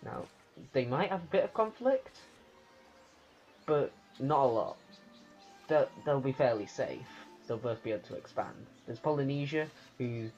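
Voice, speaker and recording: A man giving unscripted commentary on a strategy game, thinking aloud in a halting way. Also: mid-range voice, darkish tone. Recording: muffled lo-fi recording with music. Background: music.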